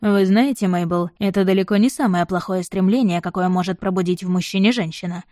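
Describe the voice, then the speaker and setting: Woman doing a gentleman, ironic, teasing, drawling, dry sound, storybook. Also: fairly low pitch, brisk, no echo, natural voice.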